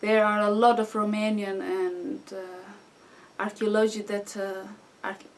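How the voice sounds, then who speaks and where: A Syrian woman in her thirties, a guest answering interview questions in conversation, speaks at medium pitch with a flat delivery. Her non-native English is halting, full of restarts and fillers. The mic is distant and faint background noise can be heard.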